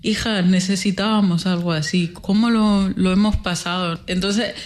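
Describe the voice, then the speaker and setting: A woman's voice: mid-range voice, fairly even intonation, moderate pace. A woman from the Republic, talking emphatically as a guest organizer and repeating words for stress. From Dominican Republic. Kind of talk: casual interview talk.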